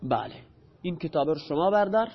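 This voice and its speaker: Male teacher, high voice, explains step by step and quizzes the class; muffled recording in a reverberant room. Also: big pitch swings, creaky, husky. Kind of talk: classroom grammar lesson. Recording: dull audio with long hall reverb.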